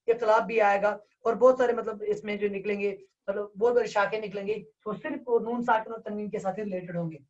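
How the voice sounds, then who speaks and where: Male Tajweed tutor, halting and repetitive as he dictates, heard off-mic through a muffled line. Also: high voice. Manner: dictates slowly, repeating key terms for note-taking; hesitant, with drawn-out fillers. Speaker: Quran recitation teacher. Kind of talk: online Tajweed class. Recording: distant, dull lo-fi online class audio.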